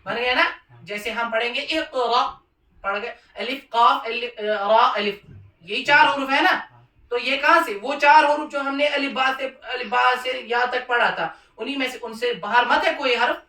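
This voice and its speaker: Male Quran teacher, emphatic, quizzes pupils; bright tone, distant mic in a reverberant room. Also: very high-pitched. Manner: emphatic, quizzes the class with repeated questions. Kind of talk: classroom lesson.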